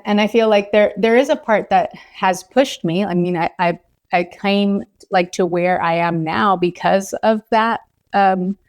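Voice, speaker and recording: A woman from Los Angeles in her thirties, a physician guest talking in a casual, hesitant way full of ums, likes and you knows. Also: medium pitch. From Los Angeles, California. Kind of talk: casual podcast conversation.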